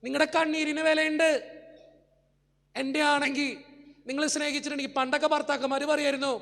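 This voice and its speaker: A man's voice: extremely high pitch, little pitch movement, fast talker, gravelly, fairly bright tone, big-room sound. A male priest giving an emotional sermon full of personal stories, speaking earnestly and pleading straight with his congregation.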